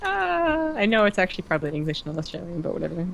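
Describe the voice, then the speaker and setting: A woman's voice: fairly low pitch, sing-song, fast, gravelly, highs cut off, a little hiss or hum. A woman co-casting an esports match, playful and teasing in casual banter. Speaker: esports co-commentator.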